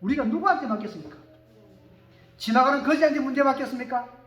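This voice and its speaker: A male pastor preaches a sermon in a very high, fast voice, slipping into quiet asides before rising to shouted declarations. He keeps calling for amens from the congregation, his words echoing around the church sanctuary over faint background music.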